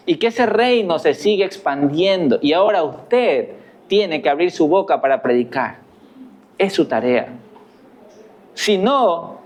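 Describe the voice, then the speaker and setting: A man's voice: on the high side, darkish tone. A middle-aged man preaching a sermon as pastor, earnestly putting questions to the congregation.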